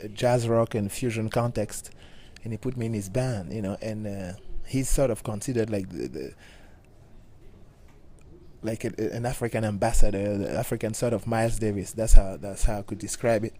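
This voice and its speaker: A middle-aged man from Cameroon, a bassist talking casually in an interview with many halting restarts. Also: mellow. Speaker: guest bassist.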